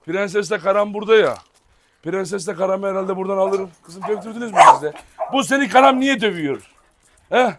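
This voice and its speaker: A man's voice: high voice, brisk. A man running a casual farm vlog, calling and coaxing his dogs while talking to viewers. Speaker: dog breeder vlogger. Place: outdoor farm with dog cages. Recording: loud background noise and barking dogs.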